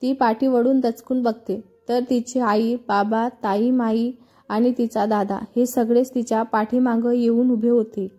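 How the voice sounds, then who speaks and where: A woman narrating a serialized love story in a steady, scripted reading. Her voice sits fairly high but sounds dark and mellow. She keeps the pitch flat, with little rise and fall. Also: unhurried.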